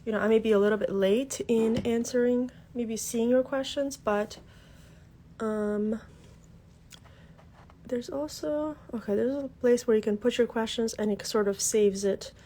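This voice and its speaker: Congested from a cold, an Albanian-speaking craft tutorial host chats with viewers at her desk during a casual livestream, using plenty of fillers as she greets them. Her voice is fairly high with a dark tone, her intonation fairly even, and her pace a little slow.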